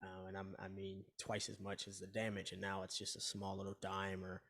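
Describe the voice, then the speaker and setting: Man, lowish voice, monotone, relaxed shop talk, dry recording. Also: fairly quick, dry recording. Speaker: podcast co-host, repair technician. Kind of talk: casual business chat.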